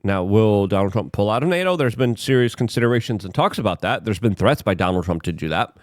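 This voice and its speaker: A man from Poland giving opinionated political commentary, hesitant and full of filler words, with sudden emphatic jumps in pitch. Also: expressive, fast, no echo, studio quality.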